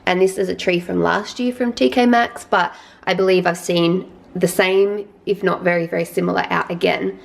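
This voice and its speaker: Chatty woman, gravelly edge. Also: on the low side, steady tone, normal speed. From Australia. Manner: chatty, self-deprecating, talks with mouth full while tasting. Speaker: lifestyle vlogger. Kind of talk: casual vlog chat. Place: small apartment indoors.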